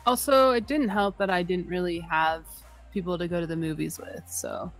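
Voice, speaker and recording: A woman's voice: on the low side, steady tone, moderate pace, soft background music, poor audio. A woman co-streaming, chatting playfully and mumbling a little in casual banter. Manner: soft-spoken, mumbling, playful. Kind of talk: casual live-stream chat.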